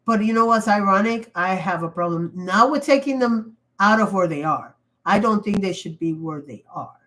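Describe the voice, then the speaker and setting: Sick and losing her voice, a woman hosts a casual livestream, talking emphatically and ramblingly with frequent restarts. Her medium-pitched voice comes through a computer mic with poor audio.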